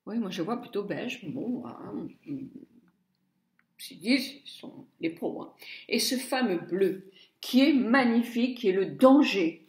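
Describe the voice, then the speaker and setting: Slow-talking woman reviewing makeup. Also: medium pitch, animated, darkish tone, reverberant. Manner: chatty, muttering asides, stumbles over English names. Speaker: beauty blogger. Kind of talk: casual makeup palette review.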